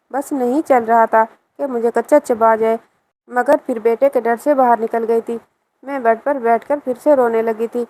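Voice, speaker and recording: A woman telling a scripted first-person story with a steady, even delivery. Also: a little high, rough recording.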